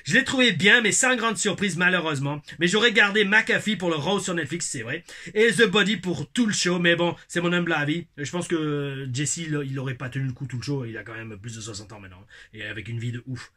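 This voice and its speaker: A cheeky male fan with a broad, put-on Québécois accent, as a man reads his comment aloud. The voice sits up higher and pushes forward with a husky, forceful edge. It is loud, hearty and full of teasing. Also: a little fast. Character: cheeky male Quebec viewer reading his own comment.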